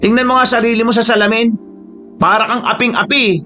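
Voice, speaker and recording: A man voicing an excitable young male friend who talks in a fussy, exasperated way. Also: extremely high pitch, a little fast, soft background music, voice pushed up.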